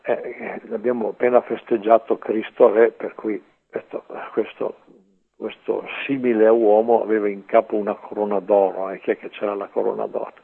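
A man's voice: fairly low pitch, little pitch movement, normal speed, vocal fry, breathy edge. A man giving an informal religious talk on the radio, chatty, often adding "eh" and "vero". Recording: tinny radio line.

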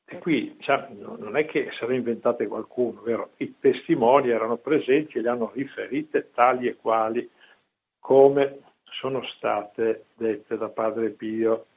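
Slow gravelly Italian-speaking preacher man. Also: mid-range voice. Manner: slow, emphatic, chatty asides to listeners. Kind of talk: religious talk with storytelling. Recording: lo-fi phone-like line.

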